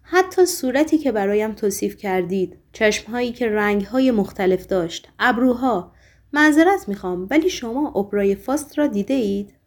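A woman's voice: medium pitch, natural voice. A woman voicing a weary, sorrowful man. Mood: calm, sad. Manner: calm, earnest, apologetic.

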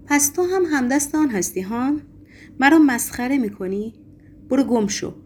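A woman reading a storybook voices a frantic, agitated young male poet who shouts accusations. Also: fairly high pitch, lively intonation. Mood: angry. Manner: raised, urgent, accusing delivery.

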